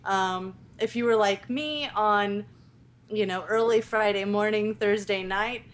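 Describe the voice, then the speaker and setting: A woman's voice: medium pitch, measured pace. A woman co-hosting a podcast in casual tech chat, talking chattily with frequent ums and giggles. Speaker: podcast co-host.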